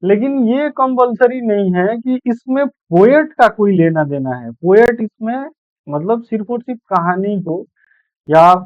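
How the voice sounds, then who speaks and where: Male teacher, high-pitched and slow, repeats and self-corrects; dry, tinny phone-line sound. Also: no echo. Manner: explains in Hindi mixed with English terms, repeats points, self-corrects. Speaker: English literature teacher. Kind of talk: exam-prep lecture.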